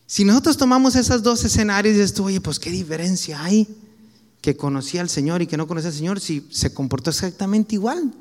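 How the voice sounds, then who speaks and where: A man's voice: sits high, animated, fairly quick, darkish tone, long reverb tail. A man with a Mexican Spanish accent preaching a sermon in a conversational, anecdotal way, full of casual slang.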